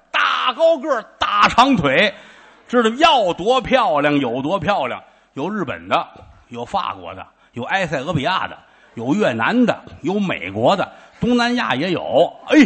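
Man, crosstalk comedian, husky, bright high voice, exaggerated storytelling.

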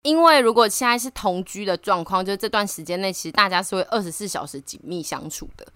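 A woman tells a story in a casual podcast chat, talking fast and laughing easily. Her voice is bright and sharp. The sound is dry and close. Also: medium pitch, dry recording. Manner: animated, laughs often while telling a story. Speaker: podcast co-host. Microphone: remote online call.

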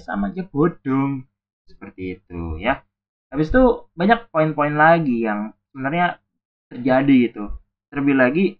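A young man rants through a casual podcast monologue, dropping English words and restarting phrases as he goes. His pitch swings widely. The recording sounds dull and lo-fi. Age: young adult. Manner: animated, ranting, sprinkles English words, frequent restarts. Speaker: podcast host.

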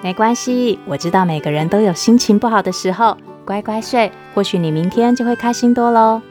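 A woman voicing a calm, patient mother soothing her child in a storybook reading. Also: mid-range voice, normal speed, soft background music, natural voice.

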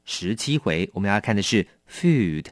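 A man teaching English vocabulary in a lively, coaxing way, asking his learners questions. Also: fairly low pitch, normal speed, no echo, clean studio sound. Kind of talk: bilingual vocabulary lesson.

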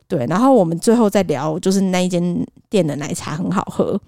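A woman's voice: fairly low pitch, a little fast, vocal fry, no room sound, studio quality. A woman in her thirties with a Taiwanese Mandarin accent, co-hosting a casual podcast and acting out the people in her stories. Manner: animated, acts out quotes in shifting voices. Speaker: podcast co-host. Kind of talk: casual storytelling chat.

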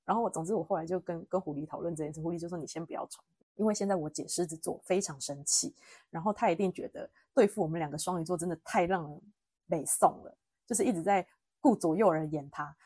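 A young woman with a Taiwanese Mandarin accent, hosting a podcast and telling a family story in a lively way, acting out what her relatives said. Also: on the low side, fast, breathy edge, dry recording. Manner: animated, acts out family quotes, frequent laughter. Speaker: podcast host. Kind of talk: casual storytelling monologue.

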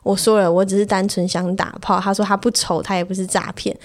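A young woman with a Taiwanese Mandarin accent, hosting a casual storytelling podcast in a frank, chatty way. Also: quick pace. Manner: frank, chatty, breaks into laughter and excited high bursts. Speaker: podcast host.

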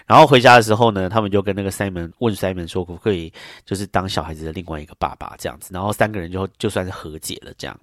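Man, podcast host, rambling, casual, lowish voice, dry sound. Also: rapid-fire, no echo. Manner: chatty, rambling storyteller with many fillers.

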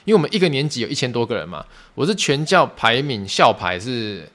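Fast-talking Taiwanese podcast host. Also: male voice, mid-range voice. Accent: Taiwanese Mandarin. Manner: fast, animated, emotional retelling. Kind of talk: personal storytelling.

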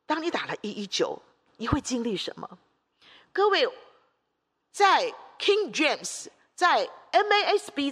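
A woman preacher with a high, bright voice delivers an emphatic sermon. She builds her points through long runs of repeated rhetorical phrases. Her voice carries a long, echoing church-hall reverb. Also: husky.

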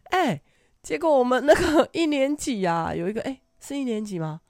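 A woman's voice: sits high, moderate pace, dry recording, clean studio sound. An older woman, hosting a podcast and telling stories casually, with frequent laughter. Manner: laughs often, animated anecdotal telling. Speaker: podcast host. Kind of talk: casual storytelling.

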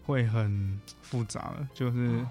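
A man with a Taiwanese Mandarin accent speaks as a guest counselor in a casual explanatory interview. His medium-pitched voice is steady, slow and mellow, with faint music behind. He's informal, somewhat hesitant, and often repeats himself.

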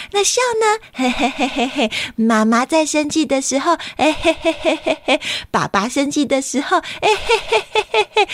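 Woman playing a cheeky little girl, giggling, very high, dry close sound. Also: bright, forceful tone, no echo, exaggerated voice. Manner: giggling, silly.

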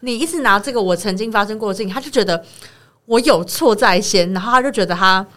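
A woman with a Taiwanese Mandarin accent co-hosts a podcast, retelling a friend's story in casual, rambling chat. Her voice is medium in pitch and fairly bright, and she talks fast.

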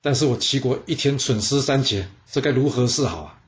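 A man voicing an ancient duke, excitable and concerned for his own face. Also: medium pitch, brisk, lightly acted. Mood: fretful. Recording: dull lo-fi sound.

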